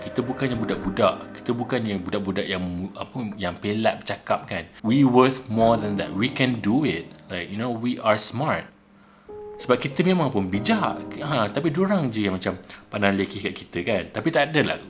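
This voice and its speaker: A young man from Malaysia with a Malaysian accent, talking casually to camera in his vlog, lively and mixing in English words. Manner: animated, mixes English into his talk, shifts pitch for emphasis. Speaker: vlogger.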